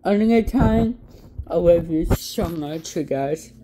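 A woman vlogging casually from her phone, exclaiming often in excitement. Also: on the low side, takes it slowly, background noise. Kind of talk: casual vlog talk.

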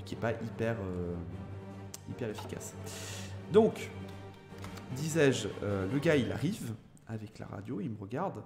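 Hosting a live gameplay stream with music in the background, a young adult man from France answers viewers by name in a mid-range voice. He speaks hesitantly, pausing on fillers and restarting often.

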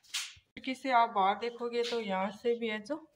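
Slight background noise accompanies a young woman whose voice sits on the high side and moves a little slowly. She's a vlogger filming with her phone at arm's length, casually walking viewers through an old empty brick house, inside and out. Her manner is chatty and friend-like, heavy with filler phrases.

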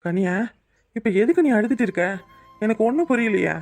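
A man's voice: extremely high pitch, very animated, fairly quick, creaky, a little mellow, faint music behind, full character voice. A man voicing a young, poor husband in a cartoon, soothing and reassuring his wife. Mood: tender. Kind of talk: cartoon voice acting.

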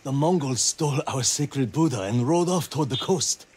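A troubled temple monk in a video game, acted by a man, speaks deferentially in a medium-pitched voice. There is faint ambient noise behind him. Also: moderate pace, a little mellow, natural voice. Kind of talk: video game character dialogue.

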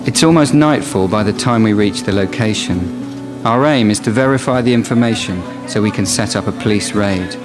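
A man's voice: fairly low pitch, brisk. A man presenting and narrating a nature documentary in a scripted reporting style. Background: music under the narration.

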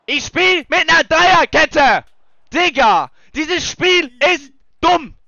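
A man streaming a football video game, ranting loudly and exasperatedly about the game. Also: extremely high pitch, lively intonation, slow pace, vocal fry, no echo, lo-fi sound. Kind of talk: live gameplay commentary.

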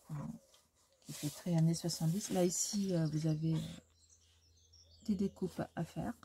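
A woman talking through a craft supply haul in a casual, hesitant way, pausing often on fillers and correcting herself. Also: on the low side, mellow, a little hiss or hum. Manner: hesitant, full of "euh" fillers; self-correcting as she goes. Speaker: scrapbooking vlogger. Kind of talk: casual show-and-tell haul.

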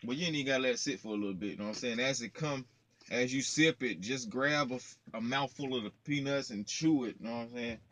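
A man's voice: mid-range voice, quick pace, fairly bright tone. A young man in his twenties, a trucker vlogging in slangy, playful casual chat, talking straight to his viewers from his truck cab into a close phone camera. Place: parked truck cab, indoors, small.

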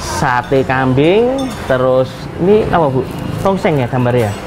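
Greeting viewers with religious phrases, a culinary show host presents his vlog to camera, first on a street beside a mosque and then in a small indoor food court. He is lively and chatty with vendors, with a mid-range voice and measured pace; music and noisy street and shop sounds fill the background.

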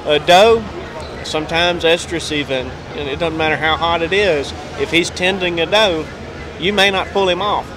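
A man's voice: fairly high pitch, moderate pace. A young man who runs a scent company, talking up his products in a casual interview with lots of fillers. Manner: enthusiastic, salesman-like, lots of fillers. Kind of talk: casual interview at a trade show booth. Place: busy trade show hall, indoors. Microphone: handheld mic. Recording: noisy crowded trade show hall. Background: crowd chatter.

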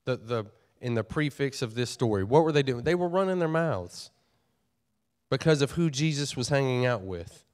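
A man's voice: mid-range voice, expressive, normal speed, darkish tone. A pastor preaching a sermon to his church, earnest and folksy, often repeating and restarting his phrases.

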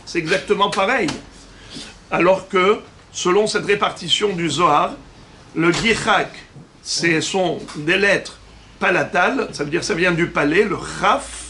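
A rabbi teaches a religious lesson with a bright, fairly high man's voice. He explains patiently. He slows down and stresses each Hebrew term he spells out. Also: slight background noise.

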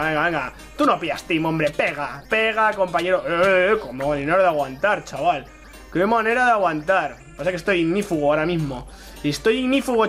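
A young man with a Spain Spanish accent giving excitable, chatty live commentary on a Minecraft PvP match and taunting opponents. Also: fairly high pitch. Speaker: gaming YouTuber.

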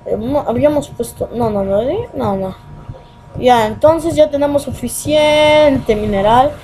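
A young man with a Peruvian accent giving excitable gameplay commentary, muttering repeated words and swearing as he plays. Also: very high-pitched, unhurried, a little hiss or hum, low-quality recording. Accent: Peruvian Spanish. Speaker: gamer.

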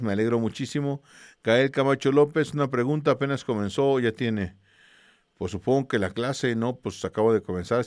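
A man's voice: medium pitch, no echo, clean studio sound. A man with a Mexican accent, a teacher casually greeting students and reading their messages aloud in a slangy, easygoing way. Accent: Mexican Spanish.

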